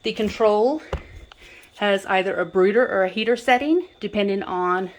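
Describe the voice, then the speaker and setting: Casting: female homestead vlogger, mid-pitched, casual how-to narration. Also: moderate pace. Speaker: homesteading channel host. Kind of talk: casual explanatory voice-over.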